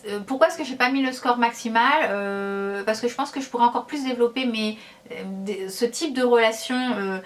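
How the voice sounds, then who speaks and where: A woman's voice: a little high, brisk. Chatty French-speaking woman vlogger. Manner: chatty and hesitant, with many fillers. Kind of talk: casual talk to camera.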